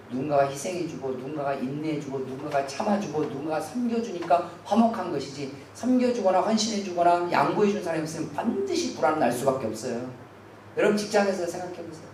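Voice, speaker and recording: A man preaching a Sunday sermon as pastor, earnestly putting rhetorical questions to the congregation. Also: high voice. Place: church sanctuary. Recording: very echoey hall, distant mic, faint hiss.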